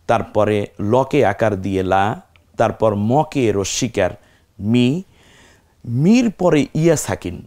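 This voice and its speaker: A man teaching Quran recitation, building words syllable by syllable and repeating each one slowly. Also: lowish voice, darkish tone. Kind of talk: step-by-step recitation lesson.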